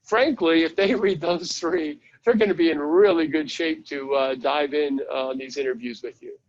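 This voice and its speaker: Guy running a webinar, slightly high voice, talks you thru the site click by click, kinda muffled audio. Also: moderate pace. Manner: chatty, walks listeners through a website step by step. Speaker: webinar presenter. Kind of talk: live online training session.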